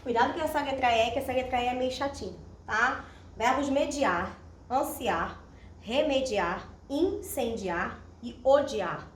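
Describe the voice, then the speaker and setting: Brief: Brazilian woman teacher with a higher voice, patient and step-by-step, picked up from afar in a roomy space. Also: normal speed. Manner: patient, explains step by step, checks in with "tá?". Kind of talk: recorded classroom grammar lesson at a whiteboard. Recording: roomy echo, distant mic, faint hiss.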